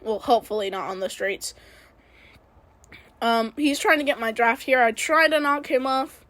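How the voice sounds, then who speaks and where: A woman's voice: fairly high pitch, normal speed, a bit bright, no echo. A woman giving casual play-by-play commentary on her own racing game, rambling and self-critical, with many fillers. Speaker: gaming video creator.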